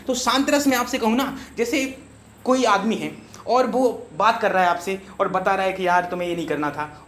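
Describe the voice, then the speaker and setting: A man teaching a lesson for exam preparation, chatty and reassuring, often checking that his students follow along. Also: high voice. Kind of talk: exam-prep lecture.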